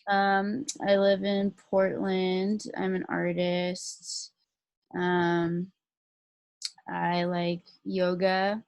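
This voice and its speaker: Shy woman in her 30s, super slow, kinda gravelly, dry close sound. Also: fairly low pitch, level tone, a little mellow, no room sound, highs cut off. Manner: shy, hesitant, many fillers. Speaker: interviewee, artist.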